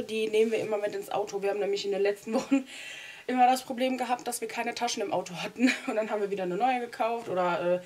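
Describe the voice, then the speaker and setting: Her voice sits in the mid range with a touch of mellowness as she narrates a casual clean-with-me video. Tidying a small home storage room, this young woman explains every step chattily, laughing a lot, while a wide-angle camera on a stand records her.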